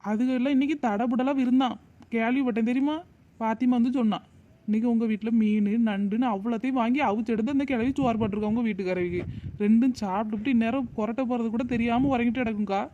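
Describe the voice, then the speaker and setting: A woman's voice: a little high, quick pace, dark tone, highs cut off, close to an everyday voice. A woman voicing a cheerful young neighbour in a cartoon, chatty and reassuring. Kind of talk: cartoon voice acting.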